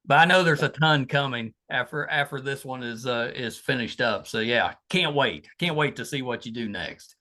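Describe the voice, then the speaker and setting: A man with a West Virginia Appalachian accent speaks as a podcast host, at a middling pitch. He is informal and folksy, talking to guests and listeners in a loose conversational style. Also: normal speed, hardly any pauses, bright, forceful tone. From West Virginia, USA. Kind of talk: casual, conversational podcast hosting.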